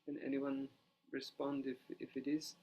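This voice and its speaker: A monastic teacher leads a meditation in a quiet, soft-spoken voice, calm, unhurried and almost flat in pitch. He speaks without a dedicated microphone, and the recording is muffled with slight background noise.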